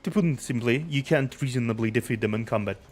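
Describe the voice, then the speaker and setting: A man's voice: mid-range voice, fast, soft background music. A man casually narrating a game and reading its dialogue aloud as a streamer.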